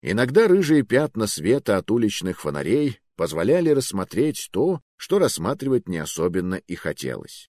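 A man narrating a first-person fantasy audiobook in an expressive storytelling manner. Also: on the low side, moderate pace, hardly any pauses, dry recording, studio quality.

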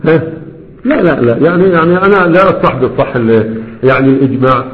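Egyptian male sheikh lecturing on grammar, rapid and questioning, keeps checking the class follows; muffled lo-fi recording. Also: mid-range voice, a little hiss or hum. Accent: Egyptian Arabic. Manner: explains with rhetorical questions and frequent comprehension checks. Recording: dull lo-fi recording.

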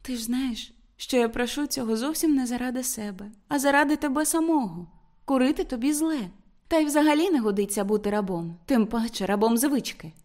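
A woman's voice: on the high side, fairly quick, voice pushed up, close to an everyday voice. A woman doing a refined young woman from a storybook reading, her lifted voice reproachful and coaxing by turns. She scolds and pleads with ardent earnestness, never harsh. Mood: pleading. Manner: reproachful, pleading, raised and lively. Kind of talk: audiobook character reading.

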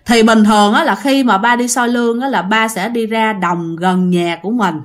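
Woman, chatty storyteller, slightly high voice, talks to listeners. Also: fairly even intonation, moderate pace. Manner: chatty, addresses listeners directly, many fillers. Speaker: ghost story teller. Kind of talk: casual spoken storytelling.

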